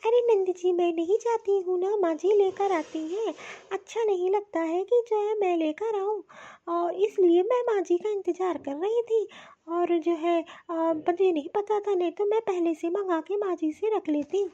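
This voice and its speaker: Cartoon: woman doing an apologetic young daughter-in-law, very high, mellow, lo-fi. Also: unhurried, few pauses. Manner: explaining, apologetic.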